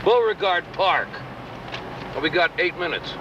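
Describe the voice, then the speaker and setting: An older actor playing a calm ninja master who talks in a dry, laconic way. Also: male voice, high-pitched, unhurried, noisy background. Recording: dull lo-fi TV audio.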